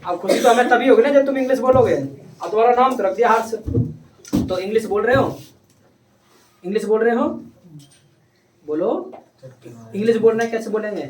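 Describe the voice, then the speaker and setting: A male teacher coaxes his class, pitched a little high and asking the same question again and again. He sounds far off in an echoey classroom, with faint noise behind him. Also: fairly quick, pauses often. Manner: coaxing, repeats questions to pupils. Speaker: English teacher. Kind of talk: classroom lesson. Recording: echoey room, distant mic, faint noise.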